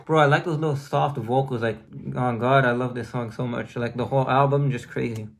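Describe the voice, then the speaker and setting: Casual male reaction host, slangy and hyped, flat delivery over loud backing music. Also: medium pitch, fairly quick. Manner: slangy, hyped, talks back to the lyrics. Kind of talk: casual song reaction commentary. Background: song playing underneath.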